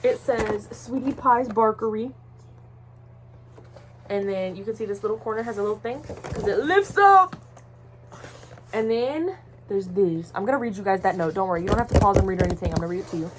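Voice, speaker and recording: Young woman vlogger, casual and animated, teasing lectures, phone mic, faint background noise. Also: medium pitch, quick pace. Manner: chatty, playfully scolding, jumps to loud emphatic bursts. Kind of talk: casual unboxing vlog.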